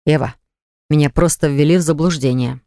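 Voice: medium pitch, a little fast, dark tone, no echo, studio quality, natural voice. A reader voicing a blunt, domineering young man who insists on getting his way with his fiancée in an audiobook. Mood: placating.

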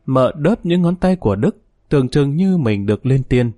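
A man narrating a story in a steady, measured reading voice. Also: mid-range voice.

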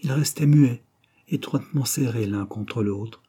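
A man reading a classic novel aloud as an audiobook narrator, measured and expressive. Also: medium pitch, husky.

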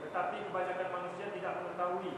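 Guy reciting verses slow and careful, far from the mic, super echoey room, background noise. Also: high voice, monotone. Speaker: congregant reading verses and translation. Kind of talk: Quran recitation and reading aloud. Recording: distant mic in echoey hall, noisy.

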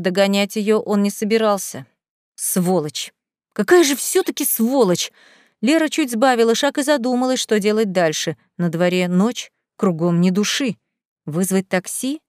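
A woman narrating an audiobook chapter in a lively, expressive reading. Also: medium pitch, no room sound. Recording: dry close studio sound.

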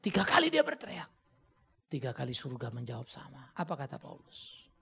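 A man preaching a sermon with passion, swinging from shouts to hushed warnings and sharp, mocking rebukes. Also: mid-range voice, huge pitch swings, a little fast, creaky, breathy edge. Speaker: pastor.

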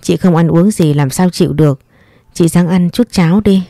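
A woman voicing a caring young man in a spoken story, talking in a soft, soothing, patient way. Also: fairly low pitch, moderate pace, dry recording, clean studio sound, natural voice. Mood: gently coaxing.

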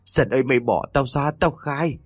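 A man's voice: normal speed, no room sound, clean studio sound, soft background music, close to an everyday voice. Man voicing a cowardly, pleading old villager. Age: older. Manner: high, panicky, begging.

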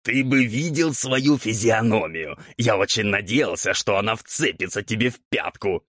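A man's voice: lowish voice, animated, moderate pace, a bit bright, no room sound, studio quality, voice pushed up. A man voicing a playful, sly male ghoul mentor who teases his pupil, in an audiobook. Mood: teasing. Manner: teasing, amused. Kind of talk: audiobook character voice.

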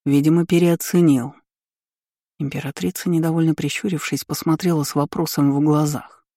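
A man narrating a first-person fantasy novel as an audiobook, with a steady, dramatic reading close to the mic. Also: on the high side, normal speed, no room sound.

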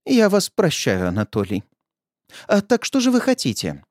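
A man voicing an elderly German woman teacher who is delicate and polite but turns shrill and furious when hurt or robbed. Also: huge pitch swings, moderate pace, darkish tone, dry recording, studio quality.

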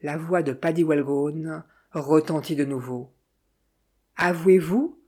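Low, husky woman narrating. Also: fairly even intonation, a little slow, dark tone. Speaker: audiobook narrator. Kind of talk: scripted narration of a detective novel.

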